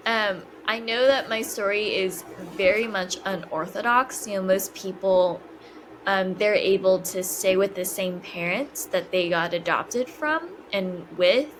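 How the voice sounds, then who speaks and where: A woman's voice: mid-range voice, a little slow, rough recording. Hesitant young woman, faint background hum. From China. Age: 20s. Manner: hesitant, many fillers and restarts. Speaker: podcast guest. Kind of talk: casual interview conversation.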